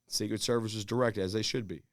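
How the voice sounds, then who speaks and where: A man in his thirties telling rambling stories fast in casual chat, swearing and jumping into quick voices. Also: on the low side, fairly even intonation, no room sound. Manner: fast rambling anecdotes with profanity and quick voice swings. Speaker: podcast guest telling stories.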